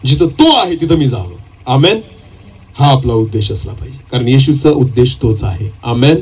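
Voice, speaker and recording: A man's voice: medium pitch, expressive, moderate pace, darkish tone, breathy edge, rough recording. A man preaching a sermon as pastor, his voice climbing in urgent bursts and punctuated by calls of hallelujah.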